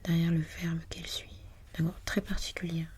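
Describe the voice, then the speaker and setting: A woman whispering breathily as in a library, reading aloud for ASMR in a hushed, unhurried, musing way. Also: fairly low pitch, flat delivery, slightly rough. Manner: hushed, unhurried, murmuring to self while reading. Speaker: ASMR host.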